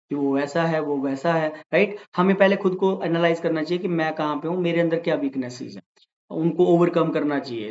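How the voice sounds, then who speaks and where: A man teaching grammar for exam prep, explaining patiently and slowing down to read example sentences. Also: high-pitched. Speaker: English teacher. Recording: dull lo-fi recording.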